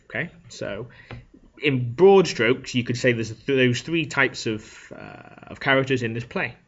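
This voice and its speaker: In a dull, lo-fi recording, a medium-pitched male teacher speaks expressively and without hurry. His classroom lecture on Shakespeare moves step by step, with frequent "okay?" check-ins.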